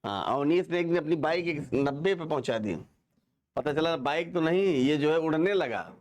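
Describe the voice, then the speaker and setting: थोड़ी ऊँची आवाज़ वाला एक पुरुष शिक्षक, कक्षा में जोश और मज़ाक के साथ पढ़ाता हुआ। बार-बार छात्रों से सवाल पूछता है और शब्द दोहरवाता है।. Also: male voice, fairly high pitch, moderate pace, muffled recording. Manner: animated, joking, asks students to repeat. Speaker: teacher. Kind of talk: lively classroom lesson.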